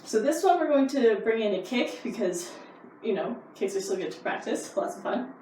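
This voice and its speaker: A woman's voice: a little high, lively intonation, moderate pace, a little mellow. A woman karate instructor explaining techniques in a casual, easygoing, informal way. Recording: roomy echo, distant mic, faint noise.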